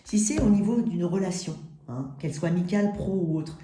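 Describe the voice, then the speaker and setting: A woman's voice: on the low side, a little fast, mellow. A woman with a lisp on her s sounds, giving an informal tarot reading and speaking directly and intimately to the listener. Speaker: tarot reader, host. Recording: roomy, echoing sound.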